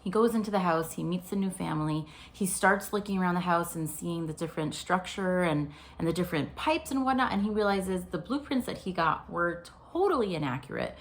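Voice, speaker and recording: Therapist lady telling a story, friendly and chatty, kinda low gravelly voice. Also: lively intonation, brisk, hardly any pauses, slight background noise. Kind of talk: storytelling explanation for viewers.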